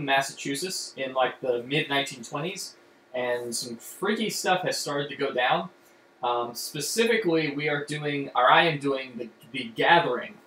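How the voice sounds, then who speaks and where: A man streams from a room in his home, casually explaining a card game and rambling with lots of fillers and restarts. His voice is mid-range and a bit bright. The room sounds echoey, with a faint hum in the background.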